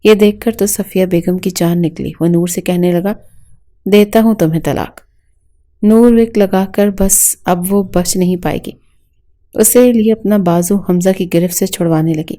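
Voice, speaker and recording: Woman, scripted novel narration, steady dramatic storytelling, dark mellow tone. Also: lowish voice.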